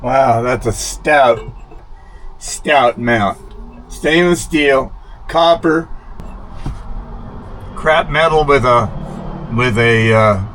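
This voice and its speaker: With a mid-range, slightly bright voice, this man talks extremely slowly and pauses often, and faint music sits behind the rough recording. He is a vlogger installing a vintage radio, casually rambling through the hands-on work while vehicle ambience and clear background noise are audible.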